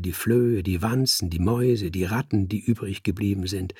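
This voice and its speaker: A brooding tomcat who fancies himself the devil speaks in a low, grim, gravelly murmur, as a male reader puts him on. His husky voice sits close and dry, solemn in every word. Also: a little mellow, no room sound, exaggerated voice.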